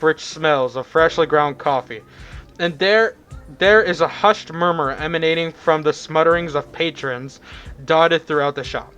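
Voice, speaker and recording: A man's voice: a little high, fairly bright tone. A man narrating a fan visual novel aloud, often stumbling and rereading words, with chatty asides. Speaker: narrator reading a fan game.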